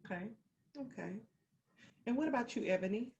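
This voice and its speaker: A woman host guiding a panel talk and sharing her own experience in a steady manner. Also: fairly high pitch, a little fast, highs cut off. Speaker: podcast host. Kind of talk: hosting a discussion panel.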